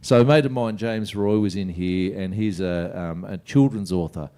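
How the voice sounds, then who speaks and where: An Australian man hosts a casual live chat show. His voice is mellow, dark and a little low. He talks informally, rambling and cutting into his own sentences as he goes. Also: moderate pace, clear, resonant tone. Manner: rambling, informal, self-interrupting. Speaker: host.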